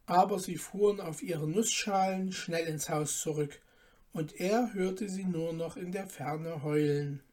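A woman reading a fairy tale aloud in a calm, measured storytelling manner. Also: lowish voice. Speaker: narrator.

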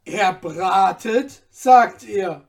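A man voicing an impatient male servant in a storybook reading, loud and demanding. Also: high voice, a little slow, far from the mic. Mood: angry.

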